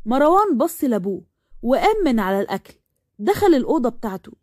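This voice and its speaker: A woman's voice: on the high side, quick pace, no room sound, studio quality. A woman with an Egyptian accent narrating a romantic story expressively. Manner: expressive narration with acted dialogue.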